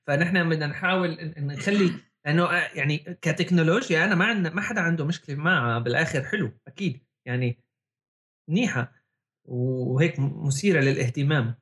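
A man's voice: on the high side, fast talker, a bit bright. A man with a Levantine Arabic accent co-hosting a casual tech chat, often repeating words as he searches for phrasing. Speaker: podcast co-host.

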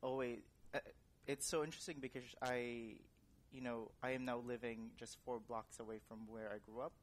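A man's voice: mid-range voice, fairly even intonation. A man in his twenties from the Philippines, an actor and director speaking as an interview guest in an earnest, reflective way. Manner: earnest and reflective, thoughtful pauses. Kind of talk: casual interview.

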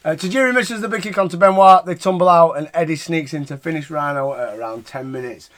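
Fairly high-voiced British man, casual podcast chat. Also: fast talker, a bit bright. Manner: sweary, informal. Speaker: podcast host reviewing wrestling shows.

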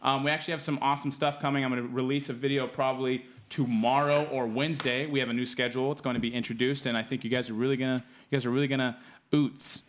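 A man's voice: medium pitch, level tone, very fast, few pauses, a bit bright, a little hiss or hum. A young man co-hosting a podcast, talking casually and rambling with lots of fillers. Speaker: podcast co-host.

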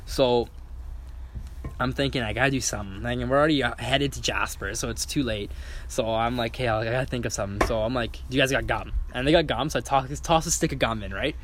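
A man's voice: medium pitch, fast, a bit bright, a little hiss or hum. A young man telling a story in casual chat, acting out quotes and swearing freely. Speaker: guest storyteller.

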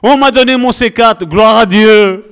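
A man's voice: sits high, measured pace, a bit bright, clear, resonant tone, big-room sound, voice pushed up. A pastor voicing a complaining male churchgoer who moans to God about his aches, his boss and his pay. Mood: whining. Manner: plaintive, complaining. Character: whining male churchgoer listing grievances to God.

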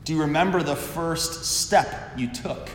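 A man, a priest, reading the Gospel and preaching at Mass in an unhurried, measured way, his voice carried by a cathedral echo. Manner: slow, measured delivery. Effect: cathedral echo with long reverb. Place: large church. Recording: echoey church hall, faint rumble.

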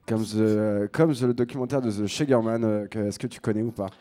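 Mellow-voiced French man, hesitant and casual. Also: fairly low pitch, steady tone, a little fast. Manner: hesitant, searching for words with repeats. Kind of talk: casual music chat.

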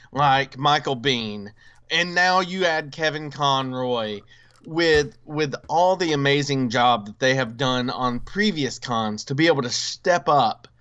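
Man, smooth voice, dull sound. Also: mid-range voice, fairly bright tone. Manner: enthusiastic, halting with restarts. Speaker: podcast co-host. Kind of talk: casual chat.

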